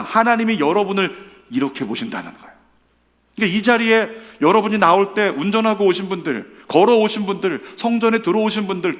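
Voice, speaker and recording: A male pastor preaching a Sunday sermon, swinging between loud emphatic calls and hushed, slow, tender quotes. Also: high voice. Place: church sanctuary. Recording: reverberant church hall.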